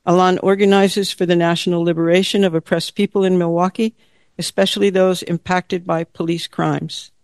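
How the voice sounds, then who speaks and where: A woman hosting an event, reading a steady, formal introduction of her guest. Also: lowish voice, moderate pace, no echo.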